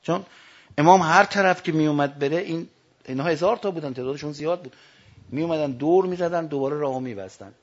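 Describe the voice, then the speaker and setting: A man preaching a sermon, telling stories and quoting sayings, rising to loud emphatic lines and dropping to hushed quotes. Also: on the high side. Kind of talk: religious sermon with storytelling. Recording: dull lo-fi recording.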